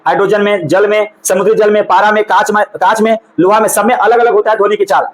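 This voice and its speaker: Very high-voiced teacher. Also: male voice, little pitch movement, rough recording. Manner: brisk, prompting, urging students to speak louder. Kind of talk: classroom drill, call-and-response. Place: classroom.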